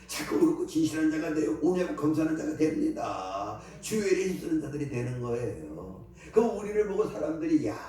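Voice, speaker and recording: A man's voice: medium pitch, mellow. A male pastor preaching a sermon with emphatic delivery, acting out imagined voices of others, and closing in prayer. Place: church sanctuary. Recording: very echoey church hall, mic at a distance.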